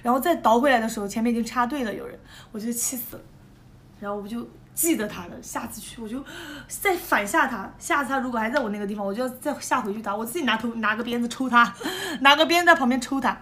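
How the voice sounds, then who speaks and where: A young woman, chatting alone and telling a lively, animated story. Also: fairly high pitch, fast talker, a little hiss or hum. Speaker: idol group member. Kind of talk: casual solo chat.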